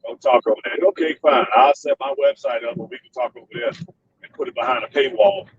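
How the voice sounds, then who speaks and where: A man's voice: medium pitch, lively intonation, fairly quick, recorded from a distance, lo-fi sound, a little hiss or hum. A man vlogging live from his car, talking casually and calling on his viewers to reply. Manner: chatty, keeps calling on viewers. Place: in a car while driving.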